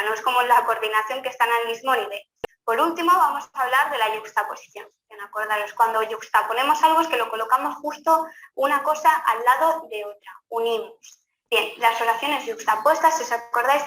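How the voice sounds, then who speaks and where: A woman teaches grammar in a bright, fairly high voice. She speaks straight to her students with patient, explanatory phrasing. The room echoes around her, and a faint hiss sits under the recording. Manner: explanatory, addresses students directly.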